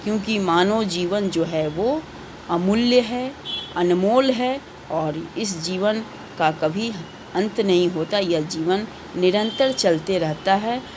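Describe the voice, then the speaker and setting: A woman's voice: mid-range voice, slow pace, background noise. A woman teaching a recorded class to children, reading out questions and patiently repeating the answers.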